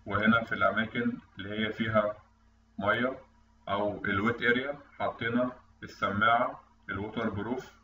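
An online instructor with an Egyptian accent walks through technical material step by step over a screen recording. His lowish voice is fairly even, a little fast and sharp. The recording is roomy and dull, from a distant mic, with faint noise.

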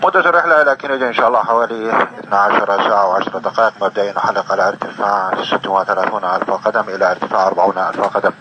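A man's voice: fairly low pitch, very fast, few pauses. A man speaking as an airline pilot, giving a formal in-flight announcement to passengers over the cabin public-address system. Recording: muffled cabin PA over engine noise. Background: aircraft engine hum.

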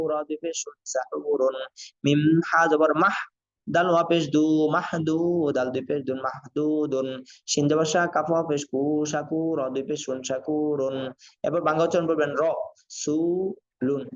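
A man teaching Quran reading in an online class, sounding out syllables slowly and repeating them for learners. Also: on the high side. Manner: slow syllable-by-syllable drilling, repetitive. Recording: dull lo-fi sound.

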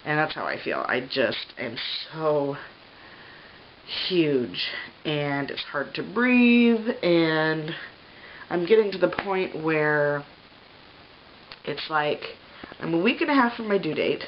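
Speaking slowly with long pauses, this woman in her thirties has a low, expressive voice that's stuffy, scratchy and breathless as she rambles casually to camera with lots of fillers. She's a pregnancy vlogger filming indoors in her bedroom on a tripod camera at medium distance, and the home video sounds slightly dull with faint hiss.

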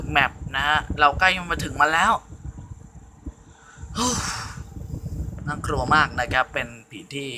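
A man giving excitable gameplay commentary with frequent exclamations, as host of a gaming channel. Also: on the high side, background noise.

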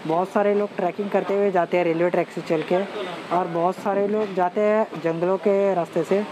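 A man's voice: high-pitched, fairly even intonation, brisk, crowd noise, poor audio. A young man talking in a casual travel vlog, explaining his route step by step, filming himself on a phone at arm's length inside a train coach. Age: young adult. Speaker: travel vlogger. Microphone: phone held at arm's length. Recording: train and station noise behind the voice.

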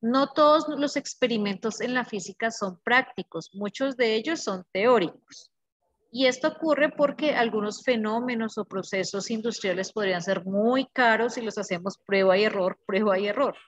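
A woman's voice: fairly high pitch, normal speed, no echo, lo-fi sound. A woman teacher, giving a class lecture. She explains patiently, repeats the key words and checks in with her students.

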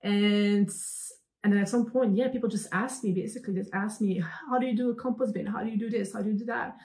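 A young woman from Belgium, a company founder answering interview questions over a video call, talking in an animated way with many fillers and restarts. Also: mid-range voice, fast talker. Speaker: guest, founder. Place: room at home.

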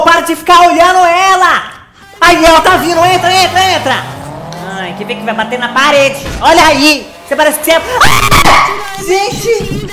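A high-pitched woman reacting to videos, jumping between shrieks and low mutters as she yells advice at the screen. Loud music plays behind her. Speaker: reaction channel host.

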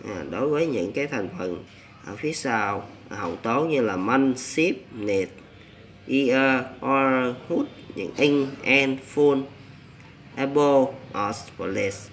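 Male teacher, slow and methodical, reading word lists aloud. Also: medium pitch, expressive, a little hiss or hum. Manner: methodical, reads each example word separately. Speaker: English pronunciation teacher.

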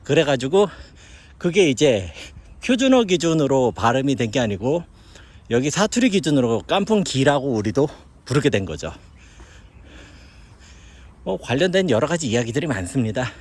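Middle-aged Korean man, outdoor walking vlog, lively rising and falling speech. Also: medium pitch, moderate pace, long pauses. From South Korea. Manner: chatty, musing aloud while hiking. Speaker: vlogger living in China. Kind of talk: casual walking commentary. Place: outdoors on a hillside park.

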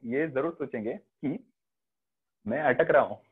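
A man's voice: medium pitch, unhurried, slightly rough. A man with an Indian accent teaching a biology class online, mixing Hindi and English and often checking that students follow. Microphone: video call. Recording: phone-like online class audio.

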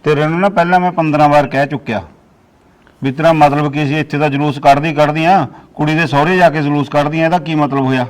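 A man's voice: a little high, steady tone, fast talker, close to an everyday voice. A man playing a tired father complaining about his wife. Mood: weary. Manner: tired, grumbling, resigned. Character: weary older father, fed up with his wife. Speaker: father in a comedy sketch. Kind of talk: comic village drama.

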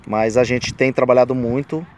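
A man, a football coach, speaking haltingly with many fillers in a recorded interview clip made outdoors. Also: mid-range voice, steady tone.

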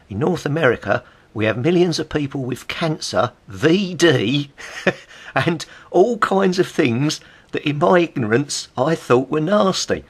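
This middle-aged man has an English accent and a husky, mid-range voice with vocal fry. He's a vlogger and CB radio enthusiast casually commenting on old magazines, reading bits aloud with wry, amused asides.

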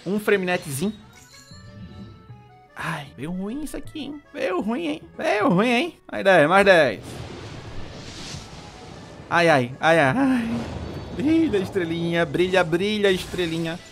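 A young adult Brazilian man with a Brazilian Portuguese accent, excitably commenting on his own game pulls on a live stream, pleading and groaning at each result. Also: high voice, slow pace, vocal fry, pauses often, faint music behind. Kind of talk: live gacha-pull commentary.

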